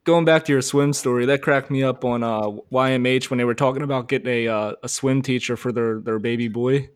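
A man's voice: medium pitch, steady tone, fairly quick, clear, resonant tone. A man chatting casually on a podcast, recounting something that amused him. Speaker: podcast co-host. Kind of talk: casual chat.

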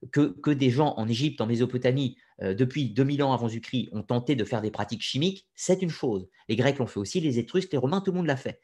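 A man of middle pitch explains his subject in an unscripted lecture, pausing on fillers and restarting his sentences. He talks straight to his listeners and drops frank personal opinions along the way. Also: expressive, mellow, slightly rough. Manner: addresses listeners directly, opinionated asides. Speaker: lecturer on occult history.

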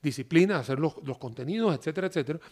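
A man's voice: fairly high pitch, racing. A man, chatting casually as a guest, joking and laughing as he talks. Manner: animated, joking, laughs while talking. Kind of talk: casual chat.

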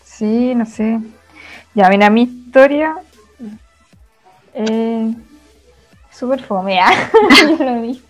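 A woman's voice: a little high, drawn-out words, long pauses, darkish tone, lo-fi sound, faint music behind. Chatty young Chilean woman. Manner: chatty, laughs between phrases, uses slang. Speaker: former missionary. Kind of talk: casual chat, telling a story.

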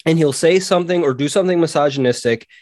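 Animated man in a dry close mic. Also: a little high, fast, no room sound. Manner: animated, acts out quotes in a raised voice. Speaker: podcast co-host. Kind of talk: casual chat.

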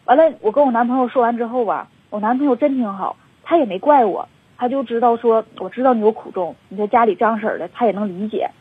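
Upset Northeastern Mandarin woman caller, 20s, husky, fast, rambling, on the phone. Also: a little high, no room sound. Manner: rambling, many fillers, upset. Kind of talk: phone-in confession. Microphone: telephone. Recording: tinny dry phone line.

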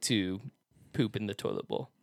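A man's voice: lowish voice, normal speed, vocal fry, heavy background noise. A man co-hosting a casual chat, telling a story with lots of laughs and fillers.

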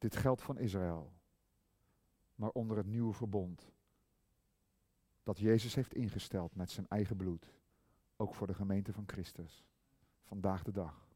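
A middle-aged male preacher giving a sermon, swinging from loud emphasis to hushed tenderness and drawing out key words slowly. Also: fairly low pitch, steady tone, husky, no echo. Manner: slow, drawn-out stress on key words.

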